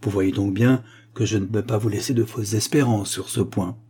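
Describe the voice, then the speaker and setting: Man doing a crafty old miser, wheedling, mellow husky voice. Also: fairly low pitch, steady tone, normal speed. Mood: sly. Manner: sly, wheedling. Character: sly greedy old village man.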